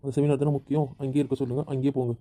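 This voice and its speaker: A hurt husband in a home-made couple skit, acted by a man rattles off his complaints at a very fast pace in a dark, mellow voice. He is stubborn and sulky and keeps repeating himself, and later pleads for his wife to stay. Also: mid-range voice, flat delivery, lightly acted. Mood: sulking. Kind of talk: scripted family skit.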